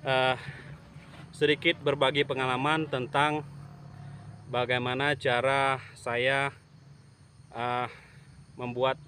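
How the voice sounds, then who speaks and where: A man talking casually to camera in a vlog outdoors at a plantation, slow and halting with many fillers. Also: medium pitch, little pitch movement, pushed and bright, a little hiss or hum. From Indonesia. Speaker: YouTube channel owner. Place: outdoors at an oil palm plantation. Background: insects and rural outdoor ambience.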